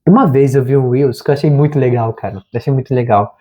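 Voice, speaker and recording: Talking about faith straight to camera, this therapist and channel host keeps it loose and slangy, dropping "cara" again and again. His voice is mid-range and fast, and the recording has its highs cut off.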